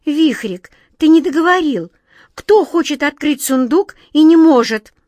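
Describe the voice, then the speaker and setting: A woman voicing a small, gentle girl who speaks softly, eagerly and plaintively. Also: high-pitched, lively intonation, a little slow, dry recording, pitched above the performer's own voice.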